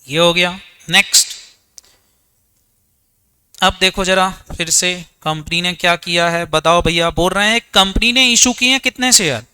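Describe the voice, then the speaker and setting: At a measured pace with long pauses, a man leads an accounts exam revision, asking students questions and answering them himself in a low voice. His tone is bright, forceful, clear and resonant, and he drops English terms into Hindi.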